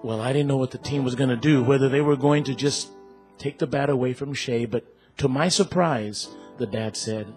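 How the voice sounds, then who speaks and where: A man telling a parable to a church congregation, with deliberate, slow storytelling that builds in excitement. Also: mid-range voice, faint music behind.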